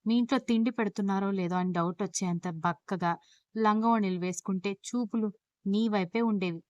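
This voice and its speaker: A doting young husband from a read-aloud love story, gently amused and tender, voiced by a woman narrator. His lines come at an ordinary middle pitch. The sound is dry and close. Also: steady tone, brisk, no room sound, lo-fi sound, natural voice. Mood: fond teasing.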